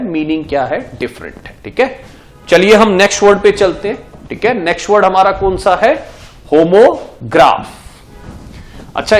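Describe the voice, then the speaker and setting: High-voiced Indian teacher explaining slowly. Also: male voice. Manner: asks questions and answers them himself, mixing Hindi and English. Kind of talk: exam-prep lesson at a board.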